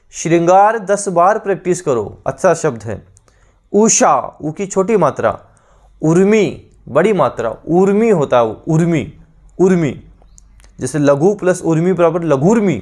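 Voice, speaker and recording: A man teaching an online exam-prep grammar lesson, repeating each word slowly so students can learn its spelling. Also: high voice, a little mellow.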